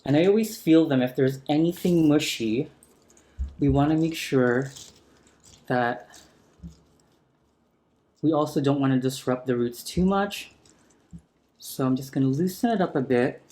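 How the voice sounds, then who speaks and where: A man's voice: medium pitch, a little slow, long pauses. Chatty man on a close ASMR mic. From San Francisco area. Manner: chatty, gently enthusiastic, soft close-mic ASMR delivery. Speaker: plant vlogger. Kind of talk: casual talk-through while repotting. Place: home room with a chandelier. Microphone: sensitive close mic turned up for ASMR.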